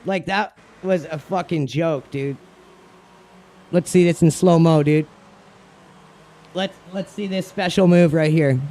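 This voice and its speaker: Slow, often pausing, a gaming streamer with a high-leaning but dark voice offers casual commentary on a video game. He's a frat-bro type who rants in exasperation, swears, and uses heavy slang.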